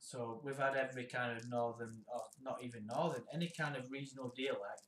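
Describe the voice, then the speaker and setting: A man's voice: mid-range voice, fairly even intonation, fairly bright tone, roomy sound, slight background noise. A man, swearing and protesting in casual podcast banter from a dim bar. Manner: sweary, indignant, quick to protest. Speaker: podcast co-host.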